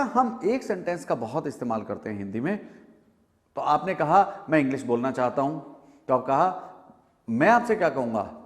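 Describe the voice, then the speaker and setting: A man teaching a spoken English lesson, quizzing his viewers and saying the example sentences slowly and deliberately. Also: a little high. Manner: lively, quizzes viewers with questions and answers them himself. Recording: long reverb, hall-like.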